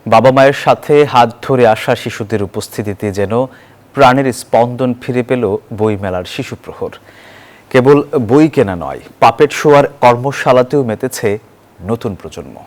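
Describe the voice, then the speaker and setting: A man's voice: mid-range voice, lively intonation, moderate pace, darkish tone. A Bangladeshi man reading a scripted news introduction as a presenter.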